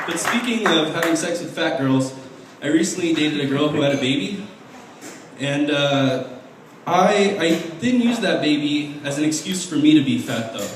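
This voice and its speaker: A young man performing an open mic stand-up set, deadpan and halting, with restarts and fillers. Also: a little high, a little hiss or hum. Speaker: stand-up comedian. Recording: very echoey room heard from a distance.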